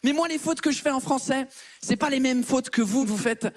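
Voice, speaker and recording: A man's voice: extremely high pitch, a little fast. A man from England, native in English, doing a crude, self-mocking stand-up routine on stage. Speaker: stand-up comedian. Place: comedy stage before an audience.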